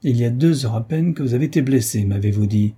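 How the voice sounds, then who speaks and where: A man's voice: mid-range voice, quick pace, warm tone, husky. A man voicing a gracious, teasing royal princess in an audiobook story, raised to a lighter, playful tone.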